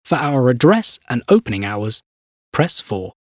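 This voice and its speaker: A man voicing a polite automated phone menu greeter, with measured, courteous, itemised announcing of a scripted business greeting. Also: medium pitch, sing-song, no echo, clean studio sound. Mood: polite, businesslike.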